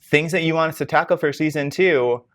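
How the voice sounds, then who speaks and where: Upbeat man co-hosting a casual podcast. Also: fairly quick. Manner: animated, self-teasing, jumps to higher pitch for emphasis. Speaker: podcast co-host. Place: podcast recording space with camera crew. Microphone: microphone.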